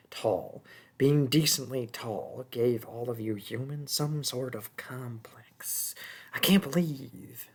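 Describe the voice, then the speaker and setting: Using an exaggerated mid-range voice, a performer plays a small, sneaky goblin thief in a fantasy audio roleplay. The character taunts, mocks, and haggles with drawn-out wheedling, in husky, breathy tones that frequently sink to a whisper.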